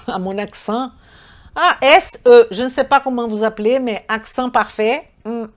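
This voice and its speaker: A woman's voice: a little high, measured pace. A woman with a foreign accent teaching a live online nutrition class. She talks emphatically, repeats words and corrects herself, and answers chat questions directly. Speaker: nutrition trainer.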